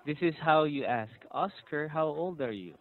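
A man in his thirties tutors English over a video call, patient and encouraging and laughing often. His fairly high-pitched voice is expressive and moderately paced, coming through a tinny, phone-like line.

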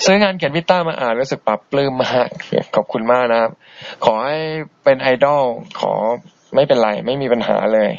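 Speaking in an animated, fairly quick, creaky voice, this internet radio host chats politely and casually while reading and responding to listener messages, dropping in soft-spoken asides. The recording is dry, and the low-bitrate stream comes across dull and boxy.

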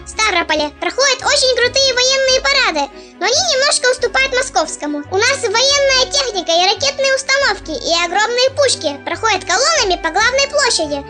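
A performer voicing a cocky, playful young husky puppy as a cartoon dog narrating a vlog, in a pitched-up voice. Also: lively intonation, fairly quick. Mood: proud, earnest. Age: puppy under a year. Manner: cartoon dog voice, boastful, cutesy slang. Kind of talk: scripted vlog narration in character. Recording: music playing behind the voice.

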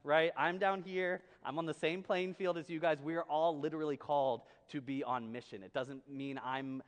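A man's voice: a little high, steady tone, normal speed. A man preaching a sermon to his congregation, reading scripture and asking them questions in a casual, conversational way. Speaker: pastor. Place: church sanctuary. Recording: long hall reverb.

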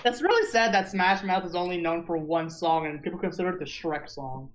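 A man's voice: high voice, expressive, fairly quick, fairly bright tone, slight background noise. A young man trading crude jokes in casual banter with his gaming friends. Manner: crude, joking. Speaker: gaming group member.

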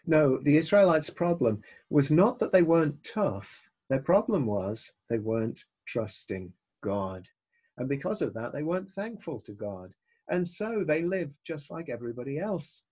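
A middle-aged man preaching a recorded sermon in an unhurried, deliberate way. His voice is slightly husky, and he speaks with earnest conviction, now and then dropping in a wry aside. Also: on the high side, sing-song, a little mellow, muffled recording. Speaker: pastor.

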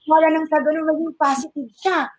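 Speaking a little fast, a high-voiced, middle-aged woman in network marketing shares her own story as a testimony. She stays courteous, using respectful particles, while energetically voicing the people she quotes.

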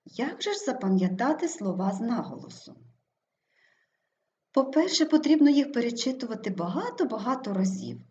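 A woman's voice: mid-range voice, a little mellow, slight background noise. A woman teacher reading a scripted lesson, sounding out each example word carefully to mark its stress. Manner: careful, stress-marking pronunciation of example words. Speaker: language teacher. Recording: roomy, slightly dull sound.

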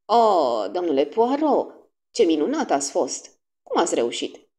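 A woman's voice: fairly low pitch, big pitch swings, mellow. A woman voicing an anxious young aristocratic lady client who speaks in a gushing way. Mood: delighted.

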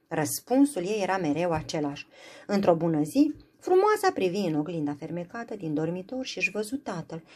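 A woman's voice: on the low side, a little mellow. A woman reading a fairy tale aloud, narrating expressively. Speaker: storyteller.

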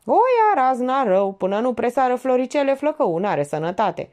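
Female reader playing a smirking blunt young man, pitched up, audiobook. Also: sing-song, darkish tone. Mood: sneering. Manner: sneering, slangy.

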